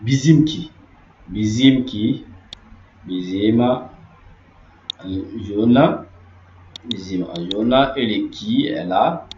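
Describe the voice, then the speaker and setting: A man's voice: lowish voice, darkish tone. Man teaching grammar in an echoey room. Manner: repetitive, explanatory, slowly repeats key words. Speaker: language teacher. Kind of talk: online grammar lesson. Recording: roomy, dull lo-fi audio with faint hiss.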